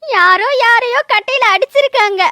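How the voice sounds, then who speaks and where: Tearful, high-voiced cartoon schoolgirl. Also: normal speed, pushed and bright, no room sound, clean studio sound. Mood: frightened. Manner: tearful, pleading. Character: frightened schoolgirl, older cousin. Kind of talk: cartoon dubbing.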